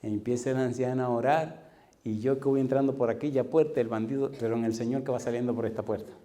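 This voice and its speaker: Animated storytelling preacher man. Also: medium pitch, fast. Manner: animated, acts out dialogue and makes sound effects. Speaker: pastor. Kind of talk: sermon storytelling.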